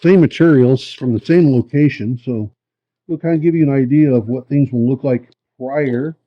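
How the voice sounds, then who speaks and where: A man's voice: medium pitch, moderate pace. Muffled man in a casual demonstration. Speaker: host of a rock tumbling hobby channel. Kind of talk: casual hands-on demonstration talk. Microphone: camera's built-in microphone. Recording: muffled, dull camera microphone.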